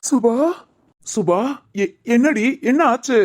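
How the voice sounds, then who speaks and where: A woman's voice: fairly high pitch, lively intonation, slow pace, faint music behind. Woman playing a fussing, doting young husband. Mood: worried. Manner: fussy, coaxing and teasing. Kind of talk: village family drama acting.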